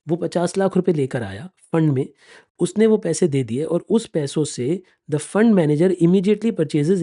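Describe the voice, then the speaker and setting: Mellow-voiced man teaching a class. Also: a little high. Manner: explains step by step, keeps checking that students follow; calls students affectionately "beta" and "bachchon". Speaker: finance exam teacher. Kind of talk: classroom lecture.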